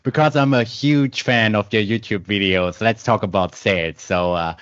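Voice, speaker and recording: A man with a lowish voice hosts an interview, asking polite questions and laughing often. The sound is dry and close, with a dull lo-fi quality. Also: normal speed, fairly bright tone, dry recording. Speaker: podcast host.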